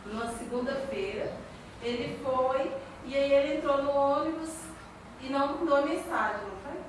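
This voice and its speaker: A high-pitched woman tells a lively personal story in front of a church group, often breaking into laughter. Her voice comes from a distance in a roomy, echoing church hall, with audible background noise. The telling is excitable and animated throughout. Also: normal speed. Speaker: church member giving a testimony. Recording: echoey church hall, far from the mic, noisy.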